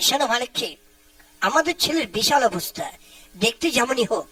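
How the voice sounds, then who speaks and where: A woman's voice: on the high side, animated, fairly quick, a bit bright, husky, distant mic, exaggerated voice, rough recording. A woman voicing a bossy, scolding male matchmaker in a puppet show.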